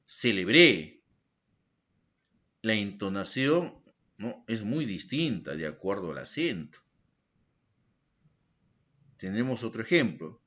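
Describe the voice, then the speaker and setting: Slow-spoken male teacher explaining patiently. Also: mid-range voice, fairly bright tone. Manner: slow, deliberate explaining, tag questions to students. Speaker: secondary school language teacher. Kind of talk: online class lesson.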